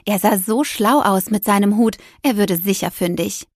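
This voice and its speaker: A woman narrating a children's story with gentle, lively storytelling. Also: medium pitch, moderate pace, dry recording, clean studio sound.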